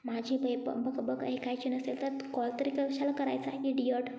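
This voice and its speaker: Feisty chatty young woman who picks fights, read by a woman storyteller, high and flat, roomy echo. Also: a little slow, vocal fry, a little hiss or hum. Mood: quarrelsome. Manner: quarrelsome, sharp-tongued. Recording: dull echoey room.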